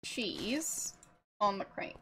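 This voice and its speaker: A woman doing casual game commentary, thinking aloud in a halting, musing way. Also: medium pitch, big pitch swings, sharp tone, a little hiss or hum. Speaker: game streamer.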